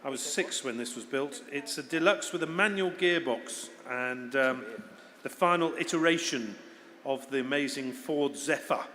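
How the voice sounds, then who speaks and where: A man's voice: medium pitch, moderate pace, bright, forceful tone. A man in his fifties introducing auction lots informally, with conversational asides. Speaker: auction presenter describing lots. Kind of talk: informal live lot description. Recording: echoey hall with long reverb.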